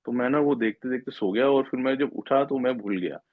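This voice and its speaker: A man's voice: medium pitch, fairly quick, dry recording. A middle-aged man earnestly retelling a devotional story at a satsang, acting out what people said and slipping into English now and then. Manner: earnest retelling that acts out quoted speech, mixing in English. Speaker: devotee sharing a testimony. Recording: tinny phone-like, dry sound.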